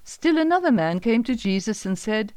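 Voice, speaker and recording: Calm woman narrating a Bible story. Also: on the high side, moderate pace, clear, resonant tone, no echo.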